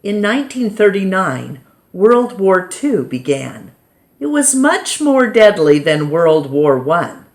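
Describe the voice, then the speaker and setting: A very animated American woman of medium pitch reads a children's nonfiction title aloud. Her delivery is that of a storytime teacher: deliberate, with pauses separating short phrases.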